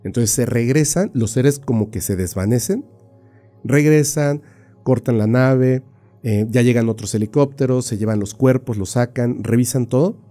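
A man retelling a story on a podcast in a casual, animated way, with frequent fillers and the odd mouth sound effect. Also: mid-range voice, normal speed, faint music behind.

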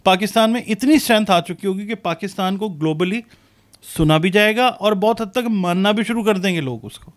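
A man with a noticeably high voice and a Pakistani accent talks in a measured, explanatory way. He answers interview questions about his forecasts and slips English terms into his speech. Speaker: astrologer and business professor.

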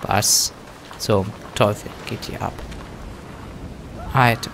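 A man commenting casually on a horror game as he plays it, joking to himself, dropping to whispers at tense moments and breaking into loud outbursts. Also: on the low side, fairly even intonation, drawn-out words, vocal fry, background noise. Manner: joking running self-talk, sudden loud outbursts. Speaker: let's play gamer. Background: faint game music.

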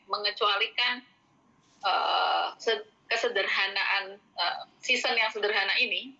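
A woman gives a relaxed vocabulary lesson with a very bright, sharp voice. She says each word slowly several times and corrects herself with fillers. The sound is dull and lo-fi. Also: mid-range voice. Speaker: English teacher.

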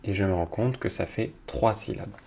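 A man teaching young children, talking slowly and patiently, with hesitant fillers. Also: fairly low pitch, creaky. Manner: speaks slowly to a child, hesitant fillers, loudly claps out each word. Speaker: kindergarten teacher.

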